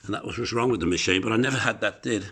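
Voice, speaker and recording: A man selling something privately shows it off on a phone he holds from behind the camera, indoors in his living room. His low-ish, fairly bright voice has a breathy edge, and he talks in a rapid-fire way, though the unscripted demo rambles and hesitates.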